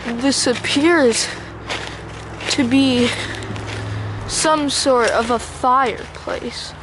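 Here the ruins-exploring vlogger sounds fairly high-pitched, stretching words out slowly in a halting, unscripted walk-through of woods by a river and bridge. Recorded on a handheld camera mic with the operator behind it, the audio is noisy, full of outdoor ambience and passing vehicles.

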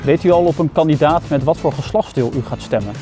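A man interviewing passers-by on a town street with a handheld mic, asking questions full of absurd euphemisms with a deadpan manner. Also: on the high side, quick pace, soft background music. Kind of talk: street vox pop questions. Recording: faint street noise.

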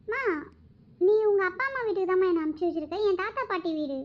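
A woman voicing a gentle young cartoon daughter. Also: very high voice, expressive, quick pace, dull audio. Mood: reassuring. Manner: reassuring, gentle. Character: caring young daughter, girl.

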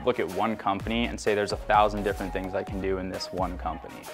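A man's voice: sits low, fairly even intonation, fast. A young man speaking matter-of-factly about his job in a studio interview testimonial. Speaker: employee in a recruitment video. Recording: faint background music.

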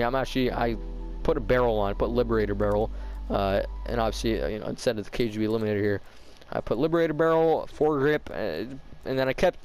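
A man's voice: medium pitch, a little mellow. A young man doing casual, slangy video game commentary, with a slight lisp from tightened braces. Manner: informal slangy bro-style talk. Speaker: gaming YouTuber.

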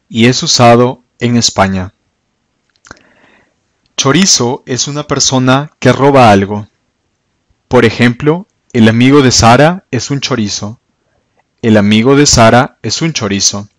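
Male teacher, very slow and careful, repeats each term, dry close sound. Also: medium pitch, dry recording. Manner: repeats each word slowly and clearly, then translates. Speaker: language teacher. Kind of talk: slow, careful vocabulary lesson.

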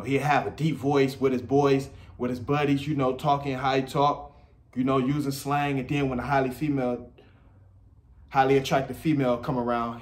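A man, giving blunt dating advice in a casual monologue full of slang and repetition. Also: medium pitch. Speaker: dating commentator.

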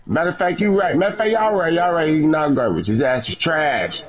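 A man's voice: fairly high pitch, fairly quick. A young man chatting casually with friends while gaming, trash-talking and laughing often. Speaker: gaming channel host. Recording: slightly dull lo-fi mic.

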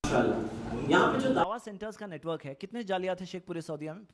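A man's voice: sits high, expressive, a little fast, a little hiss or hum. A man from India giving an earnest, explanatory religious talk in a conversational way, repeating points for emphasis. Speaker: Islamic speaker. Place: Saudi Arabia.

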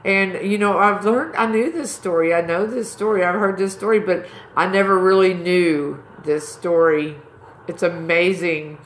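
A woman hosting a devotional video, talking in a fervent, rambling, emphatic way with a groggy morning voice, from a dark room at home. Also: fairly low pitch, a little slow, echoey room, low-quality recording. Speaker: Bible-reading video host. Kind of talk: casual devotional chat.

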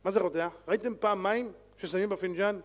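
A man, a rabbi, giving a sermon in an animated, lively way, swinging between loud calls and soft pleading. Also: high voice. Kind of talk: Torah lecture sermon. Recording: long hall reverb.

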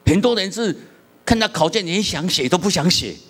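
A middle-aged pastor from Taiwan with a Taiwanese accent, preaching a sermon with humorous stories and questions to the congregation. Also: male voice, high voice, expressive, fairly quick, a bit bright.

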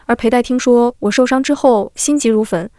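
快语速的女声有声书朗读. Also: female voice, a little high, brisk, dry recording, studio quality. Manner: reads all characters in one steady voice. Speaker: audiobook narrator. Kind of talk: scripted audiobook narration.

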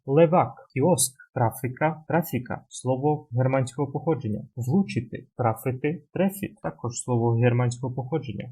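A man teaching as a Czech language lecturer, quizzing viewers on dialect words in quick word pairs. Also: medium pitch, warm tone, husky. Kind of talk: educational vocabulary video.

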